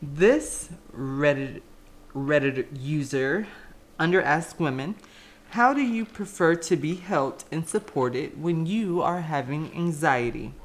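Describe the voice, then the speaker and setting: Slow, low-voiced woman co-host. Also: lively intonation. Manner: blunt, profane and laughing. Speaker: podcast co-host. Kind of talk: casual podcast chat.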